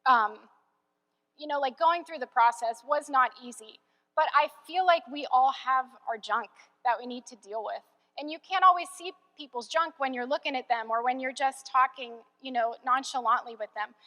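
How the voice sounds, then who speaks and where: Chatty young woman, bright voice. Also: sits high, big-room sound. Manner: chatty, many fillers like "like" and "um". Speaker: church member sharing testimony. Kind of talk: personal testimony.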